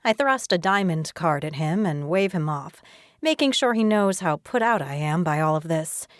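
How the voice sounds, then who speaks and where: Low-voiced woman reading an audiobook. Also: animated, normal speed, no room sound, studio quality. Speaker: audiobook narrator. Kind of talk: scripted first-person audiobook narration.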